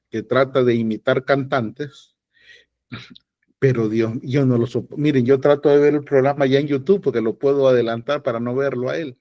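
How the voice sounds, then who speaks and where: A man's voice: medium pitch, mellow, no room sound, clean studio sound. A man with a Salvadoran accent teaching podcast acting in an online class, blunt and joking with emphatic advice. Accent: Salvadoran Spanish. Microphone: video call.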